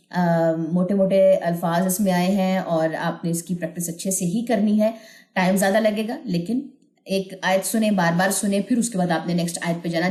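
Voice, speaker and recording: A woman's voice: on the low side, a little mellow. Woman, recitation teacher, patient, melodic chanting, roomy echo. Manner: explains patiently, then chants verses slowly and melodically. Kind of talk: recorded online lesson.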